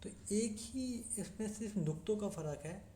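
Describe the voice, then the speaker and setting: Teacher, classroom lesson, unhurried, repeats and checks in often, roomy echo, faint background noise. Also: medium pitch, warm tone. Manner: slow, explanatory, repeats points with "ठीक है". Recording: echoey room with faint noise.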